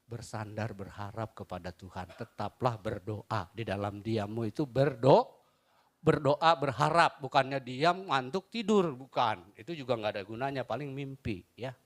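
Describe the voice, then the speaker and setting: A male pastor preaching a sermon in a church, shifting between loud exclamations and quiet asides and joking with the congregation. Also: medium pitch, normal speed.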